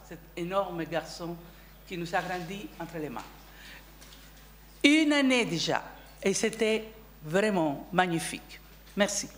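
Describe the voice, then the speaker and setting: Halting, candid woman giving a speech. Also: medium pitch, reverberant, slight background noise. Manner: halting, many restarts and fillers; candid, chatty. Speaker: board member of a cooperative. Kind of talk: personal speech at a general assembly.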